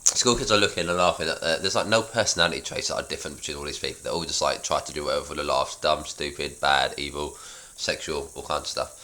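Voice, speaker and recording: A man reads his old sitcom script in a loose, offhand way. His voice sits extremely low yet sounds bright and forceful. He keeps breaking off to mock his own writing. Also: fast. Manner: offhand, self-mocking commentary. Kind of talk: casual script read-through with asides.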